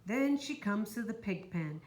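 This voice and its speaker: A woman reading a children's picture book aloud in a slow, even, clear storytelling manner. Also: medium pitch. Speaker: storybook reader. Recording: roomy echo, faint noise.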